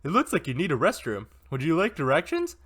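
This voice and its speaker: A man's voice: a little high, huge pitch swings, a little fast, exaggerated voice. A man voicing a cheerful childlike cartoon pig robot guide with a stuffy nose, like a young kid. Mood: chipper. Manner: bright, eager, chirpy.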